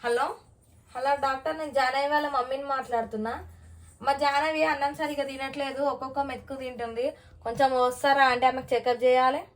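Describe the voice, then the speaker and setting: A high-voiced woman scolds quickly as a mother in a comedy skit. Her voice echoes in a room with a faint hum of background noise. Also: fairly even intonation. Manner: scolding, brisk. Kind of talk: scolding sketch dialogue.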